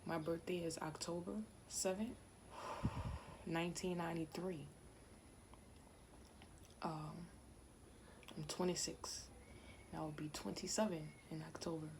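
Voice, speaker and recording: A woman's voice: on the low side, flat delivery, unhurried, pauses often, darkish tone, slight background noise, low-quality recording. Chatty young woman, rambling. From Louisiana, USA. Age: 20s. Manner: rambling, chatty, self-focused asides. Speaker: vlogger. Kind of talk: casual talk to camera. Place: home, indoors.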